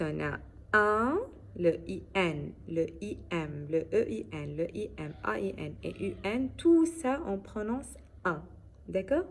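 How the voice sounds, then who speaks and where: Slow, careful woman teaching French sounds. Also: medium pitch, a little mellow. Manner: slow, careful, checks with "d'accord?". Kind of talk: phonics lesson.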